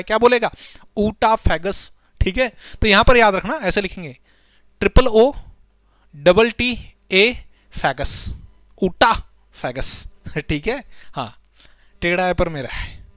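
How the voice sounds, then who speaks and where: A man teaches biology for exam prep in a high, clear, smooth voice. He keeps asking the class questions and answering them himself, with memory tricks along the way. The recording is dry and close, with no room sound. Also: a bit bright, no room sound. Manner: chatty, asks students questions then answers them, uses memory tricks.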